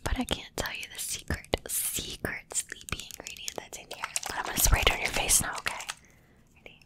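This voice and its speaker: A woman whispering softly through a whole ASMR roleplay, close to the microphone, repeating gentle words and coaxing the listener to relax. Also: brisk. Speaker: ASMR creator.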